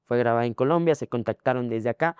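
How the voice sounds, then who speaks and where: A young Ecuadorian man talks through his story as an interview guest, circling back over his own phrases with frequent fillers. His voice is smooth and resonant at a middle pitch, recorded close and dry. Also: fast, dry recording, dull audio. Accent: Ecuadorian Spanish. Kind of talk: casual interview.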